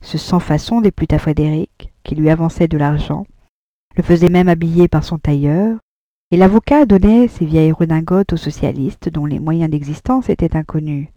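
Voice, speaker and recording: A woman reading a classic novel aloud as an audiobook narrator, in a measured, even way. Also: sits low, no room sound. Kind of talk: scripted literary narration. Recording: dull lo-fi audio, dry.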